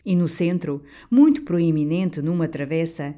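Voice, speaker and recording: A woman reads a nineteenth-century novel aloud as an audiobook. Her voice sits low and mellow, and the reading is measured and expressive. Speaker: audiobook narrator. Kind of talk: literary audiobook narration.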